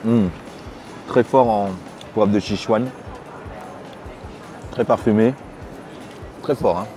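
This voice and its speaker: A middle-aged man hosting a food vlog, giving measured, descriptive tasting remarks in a casual way. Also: on the low side, steady tone, warm tone. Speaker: food vlogger host. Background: background music.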